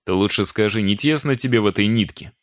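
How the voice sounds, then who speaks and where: A man's voice: lowish voice, fast talker, no room sound, clean studio sound, close to an everyday voice. A man voicing a cheeky, whiny young necromancer who jokes and complains with mock indignation. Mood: teasing.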